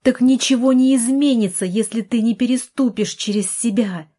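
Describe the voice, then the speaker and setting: A woman reading as a shouting, desperate sister. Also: mid-range voice, takes it slowly, husky. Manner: shouting, pleading reproach. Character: furious desperate young woman, doctor's sister.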